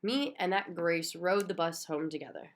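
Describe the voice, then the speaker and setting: Female reader, children's book, expressive storyteller, lower register. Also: moderate pace. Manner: expressive, childlike first-person narration. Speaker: audiobook reader. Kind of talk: reading a children's book aloud.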